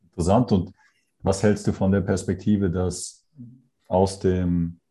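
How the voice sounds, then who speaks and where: A quiet man, the conversation partner, who mostly murmurs agreement and now and then asks a question. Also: low-pitched, flat delivery, measured pace, a little hiss or hum.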